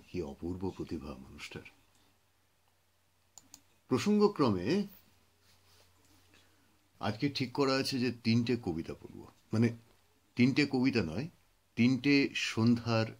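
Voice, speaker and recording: A man reading and talking about poetry, telling the story behind the poems in an unhurried way with thoughtful pauses. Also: lowish voice. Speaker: poetry reader and speaker. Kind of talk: reflective spoken commentary on poetry.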